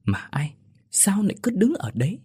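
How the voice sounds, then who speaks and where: A man narrating a ghost story in an expressive, dramatic way. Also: high-pitched, moderate pace, breathy edge, no echo, studio quality.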